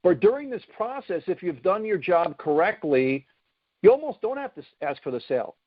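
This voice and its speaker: A male sales coach delivers a motivational lesson, leaning hard on his points and checking in with "right?" and "okay?". His voice sits a little high. The recording is dry and somewhat dull and lo-fi. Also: very animated, brisk, dry recording.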